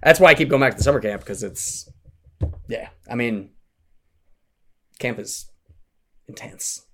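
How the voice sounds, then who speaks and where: A man guest on a podcast telling rambling, animated stories from his work as a summer camp counselor. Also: mid-range voice, measured pace, a little hiss or hum. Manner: rambling, animated storyteller with restarts. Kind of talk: casual anecdotal storytelling.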